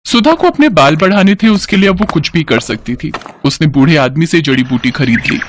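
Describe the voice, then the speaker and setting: A man's voice: fairly high pitch, fairly quick, noisy background. A man narrating a scripted moral story for a cartoon. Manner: even, storytelling delivery.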